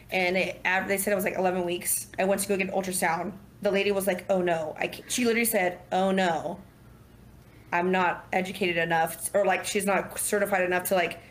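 Woman, 30s, guest on a casual podcast; lively storyteller who acts out dialogue, mid-range voice. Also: medium pitch. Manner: animated, acts out quotes, laughs often.

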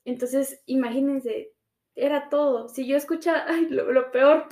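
A young woman chatting casually, telling animated stories and tagging her sentences with little questions. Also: sits high, unhurried, reverberant. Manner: animated storyteller, ends phrases with tag questions. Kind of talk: casual chat.

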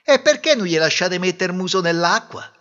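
A man voicing a fed-up young groom, scolding loudly and sarcastically. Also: high voice, expressive, a little fast, pitched above the performer's own voice. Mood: exasperated. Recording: dull lo-fi recording.

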